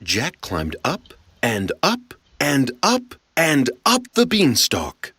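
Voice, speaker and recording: A storyteller reading a fairy tale aloud with dramatic pauses. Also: mid-range voice, huge pitch swings, a bit bright, husky, dry recording.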